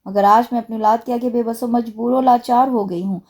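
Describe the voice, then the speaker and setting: A woman's voice: on the high side, fairly even intonation, fairly quick, darkish tone. A woman voicing a worn, grieving middle-aged mother who pleads through tears in a storybook reading. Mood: tearful. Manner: pleading, broken voice.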